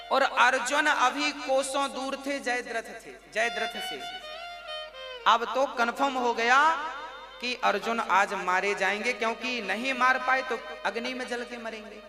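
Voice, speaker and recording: A man with a very high, bright-edged voice preaches a devotional sermon, telling the tale in an animated way and giving each character a line of their own. Clear music plays behind him. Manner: animated storyteller who voices characters' lines. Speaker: spiritual preacher.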